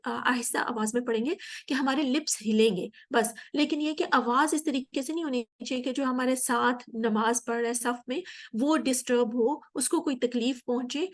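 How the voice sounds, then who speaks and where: A woman giving a patient, explanatory religious lesson, often pausing with hesitations. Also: high-pitched. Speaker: religious teacher. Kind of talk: Islamic lesson.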